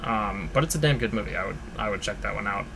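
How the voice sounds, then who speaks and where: A man's voice: on the low side, fast, creaky, noisy background. A man co-hosting a podcast in casual chat, enthusiastic, swearing and laughing often. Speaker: podcast co-host.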